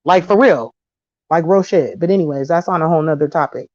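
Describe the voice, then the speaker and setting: A woman in her thirties giving a blunt, slangy opinion monologue to camera, animated and quick to slip into mocking voices. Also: deep voice, no echo, dull audio. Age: 30s. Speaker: vlogger.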